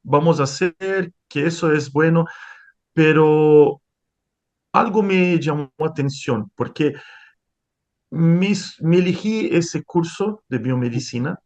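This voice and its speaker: Speaking Spanish with a Brazilian Portuguese accent, a male scientist from Brazil answers interview questions slowly in a fairly high, darkish voice. The audio sounds dull. It's a conversational exchange, and he hesitates a lot, restarting and filling pauses.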